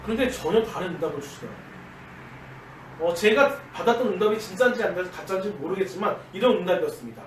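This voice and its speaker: A man preaching in a church with a high, very animated voice. He tells a personal story with earnest feeling. The sound is echoey and distant, with faint hiss behind him. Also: quick pace. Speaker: junior pastor. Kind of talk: dawn service sermon. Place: church sanctuary.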